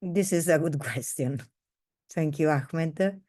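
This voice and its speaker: A woman moderating an online seminar over a video call, talking hesitantly with many pauses and fillers. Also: sits low, warm tone.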